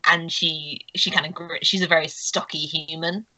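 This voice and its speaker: Woman game master, bright voice, casual, giggly narration. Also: deep voice, fairly even intonation, normal speed.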